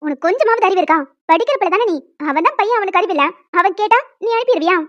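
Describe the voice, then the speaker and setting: A woman voicing a stern young female professor who lectures and scolds in an animated story. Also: very high-pitched, rapid-fire, dull audio.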